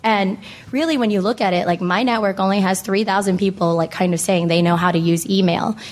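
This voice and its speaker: An American woman moderating a panel, hoarse from laryngitis, speaking in a casual, conversational way with plenty of filler phrases like "you know". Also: mid-range voice, steady tone, brisk. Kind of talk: informal panel introduction to an audience.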